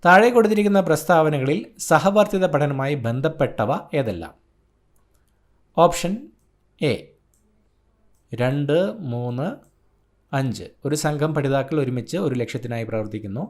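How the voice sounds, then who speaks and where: A man's voice: mid-range voice, moderate pace, long pauses. A man from Kerala, an exam coaching tutor, reading out an answer key in short, clipped phrases. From Kerala, India.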